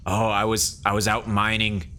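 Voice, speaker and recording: Man voicing a low-pitched, resigned dwarf prisoner. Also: flat delivery, normal speed, sharp tone, slight background noise. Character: long-held dwarf prisoner, miner, weary and casual.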